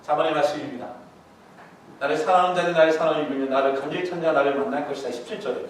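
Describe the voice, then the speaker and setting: High-voiced male pastor in an echoing hall. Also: rapid-fire, a little hiss or hum. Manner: lively, acts out voices, quizzes the congregation. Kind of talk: sermon. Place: large church sanctuary. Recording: echoey hall, mic far from the speaker.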